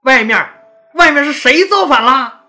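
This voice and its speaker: A weak young emperor, stammering and frantic, as a woman storyteller puts him on. The voice rides well above her usual pitch, lively and bright. Faint music plays underneath. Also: unhurried, heavily acted. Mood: panicked. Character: young weak male emperor, panicked and helpless.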